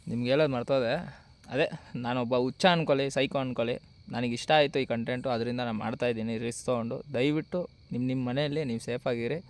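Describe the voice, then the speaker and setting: A man's voice: medium pitch, fairly even intonation, racing. Nervous man ghost hunting in a forest. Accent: Kannada. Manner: alternates hushed asides with loud shouted calls into the dark. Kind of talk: night ghost-hunting vlog. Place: forest at night, outdoors.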